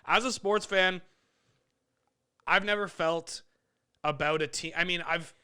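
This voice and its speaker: A man's voice: high voice, unhurried, bright, forceful tone, smooth. A man co-hosting a sports podcast, chatting casually and rambling emphatically with lots of fillers. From Toronto, Canada. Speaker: podcast co-host.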